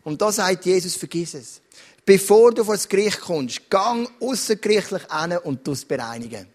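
Swiss german pastor guy preaching, middle-aged, chatty storytelling sermon, kinda high voice. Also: moderate pace. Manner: animated storytelling preacher, direct and conversational.

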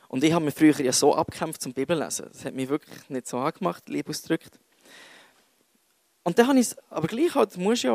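A man's voice: high-pitched, creaky, darkish tone, no room sound. A young man with a Swiss German accent giving a casual, self-mocking sermon full of jokey asides. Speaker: youth preacher.

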